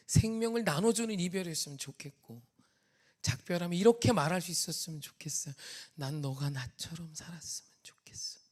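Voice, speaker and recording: A man preaching a sermon as a pastor, telling stories with emotional swings from loud to whispered. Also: a little high. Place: church sanctuary.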